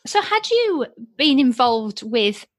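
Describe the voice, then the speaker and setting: A woman's voice: sits high, very animated, takes it slowly, no echo. A woman hosting a light-hearted podcast, enthusiastic and upbeat as she welcomes her guest. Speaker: podcast host.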